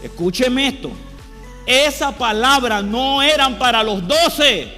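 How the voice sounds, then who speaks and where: A man with a high voice delivers a sermon at an unhurried, deliberate pace. He keeps repeating key phrases and turning them into questions for his listeners. His voice rings out through a reverberant church hall over soft background music. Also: animated. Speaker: preacher.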